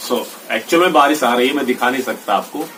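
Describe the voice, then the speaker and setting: Teacher explaining grammar in measured steps. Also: male voice, medium pitch, fairly bright tone, far from the mic, a little hiss or hum. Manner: explains slowly, reads English examples out deliberately. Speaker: English teacher. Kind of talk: Hindi-English spoken lesson. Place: indoors with rain heard outside. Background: rain.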